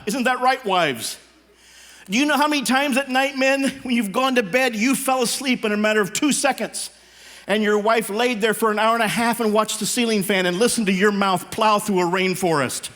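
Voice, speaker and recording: Male stand-up comic, fifties, high-pitched, forceful bright tone, animated, teasing, live audience. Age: 50s. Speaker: stand-up comedian. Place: live stage show before an audience.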